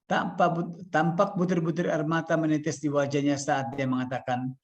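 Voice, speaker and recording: A man's voice: a little high, flat delivery, moderate pace. Man from Malaysia, dull lo-fi audio. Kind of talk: devotional talk and reading a story aloud.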